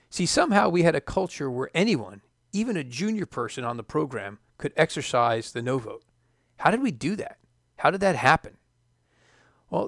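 With a gravelly, medium-pitched voice and no room sound, a middle-aged former test pilot hosts a scripted podcast monologue. He stays measured and emphatic, adding dry asides along the way.

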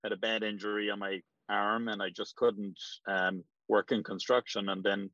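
Heard on a dull lo-fi recording, a fortysomething Irish real estate agent rambles and hesitates through interview questions as a guest, with frequent ums. He speaks in a lowish, level voice that's a bit bright, at a moderate pace and without echo.

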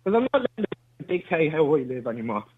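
Defiant caller on a glitchy phone line. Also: male voice, fairly high pitch, big pitch swings, fast, husky, dry recording. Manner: defiant, argumentative, talks over the host. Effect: buzzy phone line that keeps breaking up. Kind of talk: radio phone-in call. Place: on a building site.

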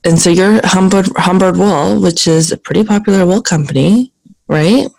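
A woman's voice: fairly low pitch, moderate pace, vocal fry, darkish tone, low-quality recording. A woman hosting a podcast, talking in a casual, conversational interview style. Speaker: podcast host.

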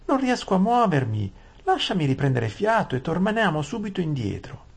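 Storybook fraidy-cat noblewoman, high and whimpering, done by a man reading aloud, gravelly edge underneath. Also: very animated, moderate pace, full character voice. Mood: whiny frightened. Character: whiny, timid young noblewoman, easily frightened.

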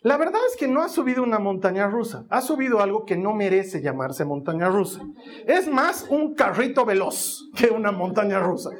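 Preaching a sermon, a man with a high voice at a moderate pace tells a family story with animated delivery, acting out every voice in it.

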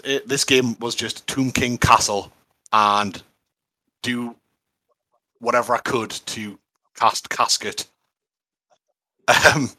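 A man chatting enthusiastically about tabletop games, full of fillers and quick to laugh. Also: mid-range voice, bright, forceful tone, dry recording, rough recording. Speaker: tabletop wargame player. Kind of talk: casual chat.

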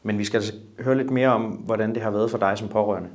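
A man interviewing a guest, asking calm, measured questions. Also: on the low side.

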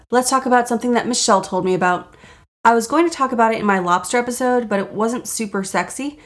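Raspy woman podcaster with vocal fry. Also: mid-range voice. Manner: self-deprecating, sweary, jokey. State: sore throat. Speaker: podcast host. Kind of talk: casual comedic solo podcast talk.

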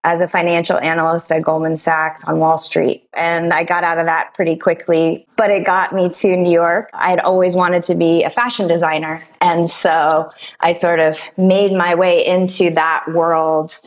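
A woman in her late forties chats easily as a podcast guest, explaining her teaching career. Her voice sits a bit low for a woman. She talks in loose, rambling sentences full of fillers and quick little laughs. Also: little pitch movement. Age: 40s. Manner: chatty, frequent fillers and short laughs. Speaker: guest, yoga teacher and author. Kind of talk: casual interview conversation.

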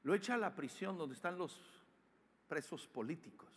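Animated high-voiced pastor. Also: male voice, moderate pace, slight background noise. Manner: animated, acts out scenes with shouts and sound effects. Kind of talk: sermon.

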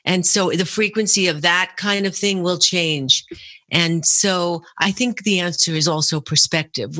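Bright-voiced woman giving earnest advice. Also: deep voice, no room sound. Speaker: radio show guest. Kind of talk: conversational spiritual advice.

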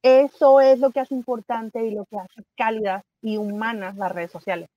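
A middle-aged woman with a Mexican accent, talking as a guest in a casual conversation, animated and chatty, often pausing on fillers and correcting herself. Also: on the high side, no room sound, dull audio. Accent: Mexican Spanish.

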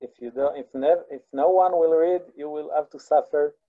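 A man with an Israeli accent, a native Hebrew speaker, giving an online lecture in a slow, halting way with many restarts and fillers. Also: on the high side, narrow, tinny audio.

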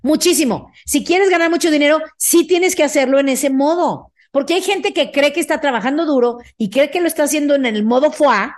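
A middle-aged woman with a Mexican accent hosts a motivational podcast in a high, bright-pitched voice. She talks with punchy emphasis and keeps tossing a quick "ok?" to her listeners. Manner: energetic, emphatic, often asks "ok?". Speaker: podcast host.

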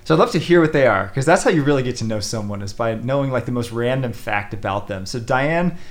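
A man hosting a casual parish podcast, relaxed and quick with short affirmations. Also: mid-range voice. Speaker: podcast host.

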